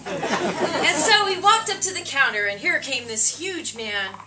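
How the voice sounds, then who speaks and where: A woman telling funny travel stories between songs at a live folk concert, animated and laughing along. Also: high-pitched, measured pace, a crowd in the background. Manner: animated storyteller, laughs through her tales. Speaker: folk musician and band member. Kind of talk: onstage storytelling between songs. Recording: distant live concert recording with faint noise.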